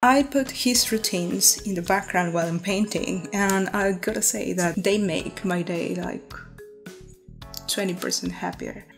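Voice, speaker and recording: Brief: unhurried female artist voice-over, casual and easygoing, soft music behind. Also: mid-range voice, gravelly. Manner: easygoing, laid-back, many fillers. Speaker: artist vlogger.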